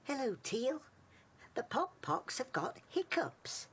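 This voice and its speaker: A man voicing a gentle, bumbling male creature in a children's cartoon, mild and fretful. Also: very high-pitched, big pitch swings, takes it slowly, very noisy, full character voice. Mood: worried. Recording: music over dialogue.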